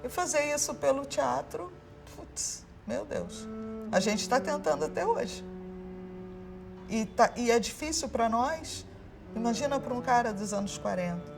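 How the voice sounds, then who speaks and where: A woman in an interview, reflecting passionately and pausing to search for words. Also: high voice, expressive, creaky, music in the background.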